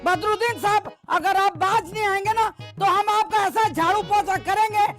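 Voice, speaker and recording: Brief: jealous scolding wife, very high voice, soft music under. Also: female voice, moderate pace. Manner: scolding, sharp-tongued. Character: scolding suspicious wife of a middle-aged man. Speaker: actor. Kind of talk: TV drama acting.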